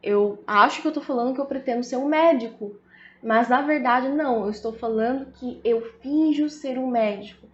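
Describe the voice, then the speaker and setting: Brazilian woman teaching in an echoey room. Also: fairly high pitch. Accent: Brazilian Portuguese. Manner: explains slowly, often adds "né?" and "tá?". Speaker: English teacher. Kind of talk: casual video lesson. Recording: echoey room, slightly dull audio.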